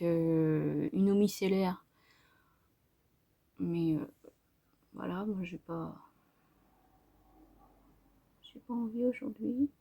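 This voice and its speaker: Slow, gravelly-voiced French woman doing makeup. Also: mid-range voice. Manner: soft-spoken, often drops to a whisper; hesitant, many fillers. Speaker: makeup vlogger. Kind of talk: makeup tutorial narration.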